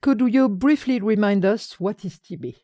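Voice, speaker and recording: A woman hosts a podcast in a measured, formal way, her voice mellow and soft-edged. She sits at a mid pitch, and the sound is dry and close to the mic. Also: no echo. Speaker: podcast host. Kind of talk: scripted podcast hosting.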